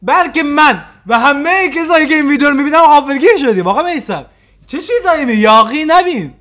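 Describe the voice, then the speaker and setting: High-voiced man mocking clips sarcastically. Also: lively intonation, fairly bright tone. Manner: teasing, sarcastic, quick retorts. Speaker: reaction video host. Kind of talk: casual mocking commentary.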